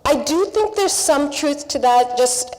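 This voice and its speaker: A Pakistan-born woman, not a native English speaker, makes earnest remarks on a seminar panel, laying out her points with repeated phrases. Her voice sits high and is expressive, a little slow and darkish in tone. The hall is reverberant.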